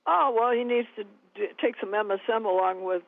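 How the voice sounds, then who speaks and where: A woman co-hosting a health radio show, briskly listing diet rules when the host quizzes her, taped off the radio. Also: mid-range voice, vocal fry, no echo. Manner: answers the host's quiz questions with brisk lists of rules. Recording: tinny phone-like radio taped off air.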